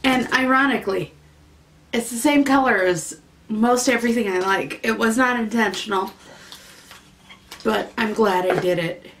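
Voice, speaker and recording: A woman's voice: fairly high pitch, normal speed, pauses often. A woman beauty vlogger casually chatting through a makeup unboxing, rambling and easily delighted, sometimes in a sing-song voice.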